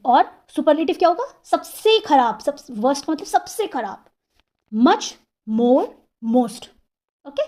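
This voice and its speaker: A woman teacher explaining English grammar, asking herself questions and sounding out words slowly, syllable by syllable. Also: high-pitched, very animated, darkish tone. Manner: asks and answers her own questions.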